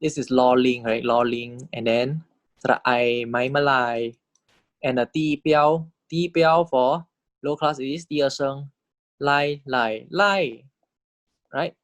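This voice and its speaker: Saying every word several times and checking in with "okay?", a man lectures in English on Thai vowels and tones in this recorded lesson. He speaks slowly with fairly even intonation at a medium pitch, and there is no room sound.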